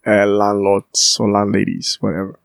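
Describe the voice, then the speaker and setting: Teasing young man, low voice. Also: level tone, normal speed, gravelly, no room sound, studio quality. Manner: joking, teasing, giggly. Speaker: podcast co-host. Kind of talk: casual chat.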